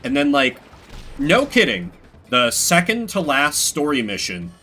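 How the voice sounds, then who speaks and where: A game streamer chats casually with his viewers, rambling through an animated story and acting out the quotes. His mid-range voice moves a little slowly, with faint music playing behind him on the livestream.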